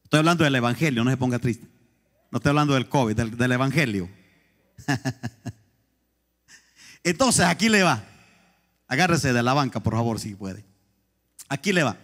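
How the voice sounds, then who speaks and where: A man's voice: mid-range voice, expressive, moderate pace, long pauses, a bit bright, long reverb tail. A man preaching a sermon as pastor, emphatic, asking the congregation questions again and again.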